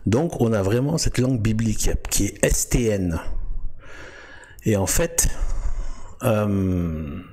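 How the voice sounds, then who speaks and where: A man with a low voice and a husky edge talks in a loose, unscripted monologue. He circles back on his words, fills gaps, and restarts half-finished sentences as he walks his viewers through a web page. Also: dark tone. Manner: halting, full of restarts and fillers. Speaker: video host. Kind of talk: casual explanatory monologue.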